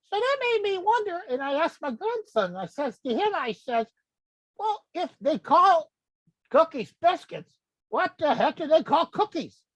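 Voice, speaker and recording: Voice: very high-pitched, big pitch swings, measured pace, a bit bright, dry recording, exaggerated voice. A performer playing a rambling, confused elderly grandfather who tells a folksy comic story full of digressions. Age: older. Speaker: comedic host character. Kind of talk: comic monologue.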